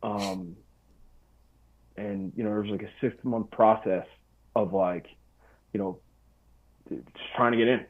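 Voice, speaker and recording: A man's voice: on the low side, steady tone, measured pace, pauses often. A man in his forties, a podcast guest, telling a story in a casual, slangy way. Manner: laid-back, slangy, full of "dude" and "bro". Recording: tinny phone-like line.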